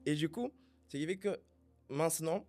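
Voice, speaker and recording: A man from Congo in a casual faith conversation, speaking in a reflective, halting way as he searches for his words. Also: a little high, a little mellow, faint music behind.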